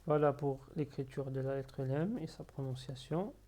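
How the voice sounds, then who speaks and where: A man teaching Arabic letters step by step, patiently drilling syllables slowly and repeating them. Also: mid-range voice, dark tone. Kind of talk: slow step-by-step lesson.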